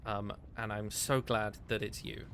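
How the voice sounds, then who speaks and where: A man's voice: on the low side, level tone, a little slow, gravelly, a bit bright, slight background noise. A man running a tabletop game as game master, chatty with lots of fillers and casual swearing.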